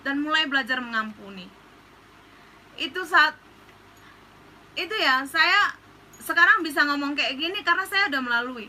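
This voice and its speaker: A woman's voice: high voice, lively intonation, moderate pace, pauses often, pushed and bright, a little hiss or hum, poor audio. A woman pastor giving an earnest, casual counseling talk that slips into slang.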